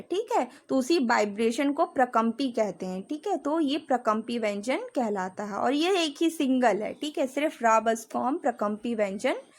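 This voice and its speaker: High-voiced woman teaching a grammar lesson. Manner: explains slowly, demonstrates sounds, repeats "ठीक है" often.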